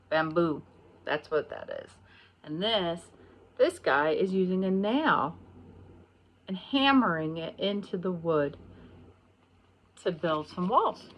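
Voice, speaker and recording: Reading a picture book to her pre-K class, this middle-aged woman with an American accent keeps her explanations simple and lingers on important words. She speaks in a lowish voice.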